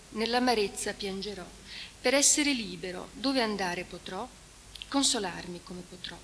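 Female academic speaker with a bright, crisp tone, reading at a lectern with careful pacing in a hall recording. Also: a little high. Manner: measured, deliberate reading. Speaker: conference speaker. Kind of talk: academic lecture with read-aloud translation. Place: conference hall. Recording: echoey hall recording with hiss.

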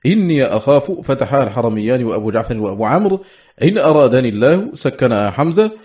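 A man reading a scholarly text aloud in a steady, measured, formal recitation. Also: medium pitch, dull audio. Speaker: audiobook reader.

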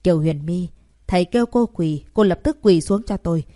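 Woman narrator as a spiteful young student, shrill, accusing, whiny; dry recording. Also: lively intonation, fairly quick, no echo, lightly acted. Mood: scolding.

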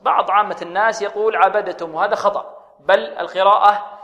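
A man's voice: sits high, steady tone, pushed and bright, big-room sound. A man teaching Quran recitation rules, drawing out words in a chant and asking questions that he answers himself. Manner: models correct and wrong pronunciations, drawn-out chanting. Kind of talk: tajweed lesson.

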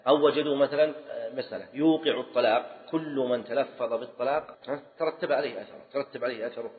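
A man teaching a class on jurisprudence, repeating key phrases and putting questions to his students. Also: medium pitch. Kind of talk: classroom lecture. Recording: tinny lo-fi recording in a reverberant hall.

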